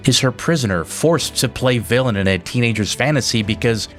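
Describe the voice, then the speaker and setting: A man's voice: medium pitch, expressive, fairly quick, a bit bright, faint music behind. A man giving a scripted narration for a film analysis video, laying out his argument in an emphatic, case-building manner.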